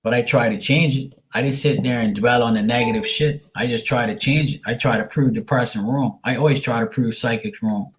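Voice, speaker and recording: A man's voice: mid-range voice, fairly even intonation, a little fast, hardly any pauses, poor audio. A man hosting a casual livestream chat, talking informally to viewers and giving them encouraging advice. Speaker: psychic reader and livestream host.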